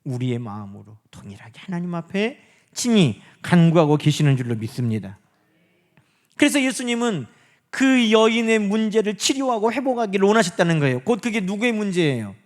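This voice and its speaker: A man preaches to his church in a high, lively voice. He keeps asking his listeners questions and answering them himself. He drops into a softer voice when he acts out quoted speech. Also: moderate pace. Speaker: pastor. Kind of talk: sermon. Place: church sanctuary.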